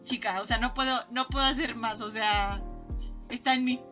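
A young woman with a Mexican accent, co-hosting a casual chat podcast, bubbly and quick to laugh. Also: on the high side, fairly even intonation, bright, forceful tone, faint music behind. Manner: bubbly, laughs often, slangy filler "o sea". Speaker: podcast co-host.

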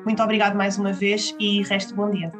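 A woman podcast host with a European Portuguese accent thanks her guest in polite, formal words. She talks quickly in a flat, even voice. Clear music plays beneath her. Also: mid-range voice.

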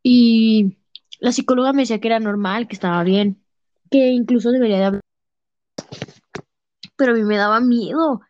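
A young woman with a Mexican accent telling a personal story in an interview, casual and halting, full of fillers. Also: a little high, darkish tone. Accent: Mexican Spanish. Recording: slightly muffled lo-fi sound.

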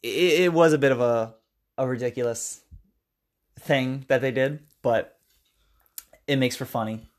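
Male podcast co-host, mid-pitched, casual recapper who acts out quotes. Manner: retells scenes at length, acting out lines in quick character voices. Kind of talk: casual chat.

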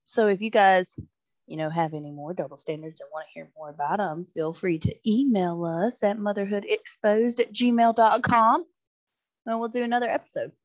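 A woman's voice: medium pitch, normal speed, dry recording. A young adult woman co-hosting a podcast in casual chat, telling stories with lots of swearing and acting out what people said. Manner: animated storyteller, swears freely, acts out quotes. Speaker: podcast co-host.

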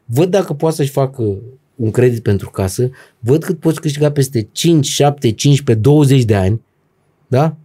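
A middle-aged man, a business owner and professor, talking as a podcast guest in a blunt, slangy, animated way, acting out old conversations as he tells them. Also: mid-range voice, breathy edge. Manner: animated storyteller, blunt slangy speech, acts out dialogue. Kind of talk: casual conversational interview.

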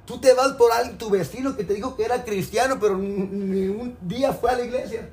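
Male preacher, high voice, street-plain exhortation straight at the listener, reverberant room. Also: fairly quick, darkish tone, faint music behind. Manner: colloquial, exhorting, direct address to listeners. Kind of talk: sermon. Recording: echoey room, faint background noise.

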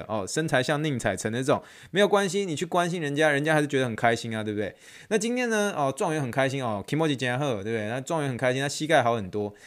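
A young man, a physical therapy intern hosting his podcast and telling a story in a lively, excitable way with many fillers. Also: medium pitch. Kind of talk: casual solo storytelling.

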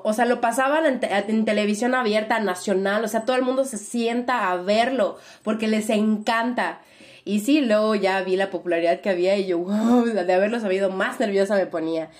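Speaking at normal speed in a voice on the high side, a young Mexican woman with a Mexican accent shares her story as a casual interview guest. She is animated yet reflective and leans heavily on filler words.

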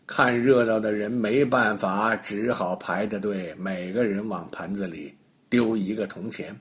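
A man's voice: on the low side, a little slow. An older man telling a children's bedtime story, with playful asides to the young listeners.

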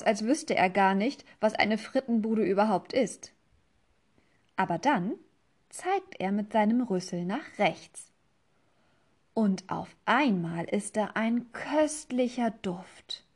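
A woman, a teacher, reading a children's storybook aloud in a gentle, lively way. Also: mid-range voice.

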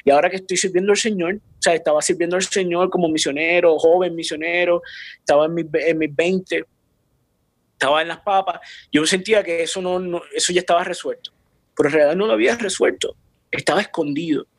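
Earnest man, higher voice. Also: brisk, no room sound. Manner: earnest, repeats and restarts words, drops English words into Spanish. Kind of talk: personal faith testimony.

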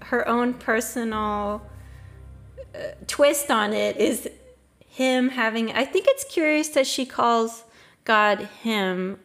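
A woman's voice: a little high, fairly bright tone. A woman co-hosting a casual podcast discussion, thoughtful and musing, often murmuring agreement. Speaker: podcast co-host.

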